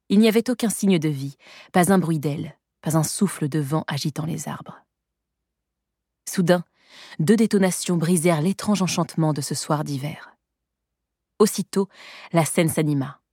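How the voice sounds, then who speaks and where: A woman narrating a novel as an audiobook reader, in measured scripted narration. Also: low-pitched, a little mellow, dry recording, clean studio sound.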